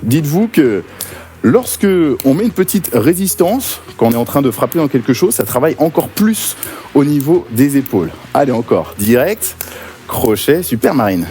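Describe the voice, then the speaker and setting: A man's voice: mid-range voice, moderate pace. Upbeat male fitness coach. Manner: energetic, encouraging counting and cues. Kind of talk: guided workout class.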